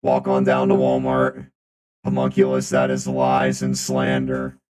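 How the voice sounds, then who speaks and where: A male streamer whose voice runs through a booming, deep, metallic robot voice changer, rambling and repeating phrases in casual chat. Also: completely flat delivery, measured pace, a little mellow.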